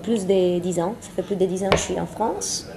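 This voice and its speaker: A Venezuelan singer-songwriter, a guest on an interview, chats playfully in French, her second language, with a Spanish accent. Her voice is fairly low, fairly quick and creaky, and she often repeats phrases for emphasis while a crowd murmurs in the background.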